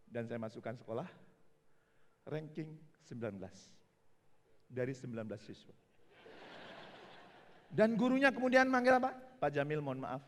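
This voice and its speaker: Animated middle-aged man telling stories. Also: on the high side, moderate pace, long pauses, in a large hall. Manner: animated, acts out dialogue. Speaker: motivational speaker. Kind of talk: motivational storytelling talk.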